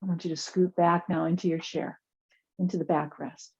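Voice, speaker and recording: A woman teaching chair yoga, guiding movement and relaxation in a soft, soothing, unhurried way with pauses. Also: on the low side, little pitch movement, gravelly, husky, lo-fi sound. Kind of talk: guided yoga class and relaxation.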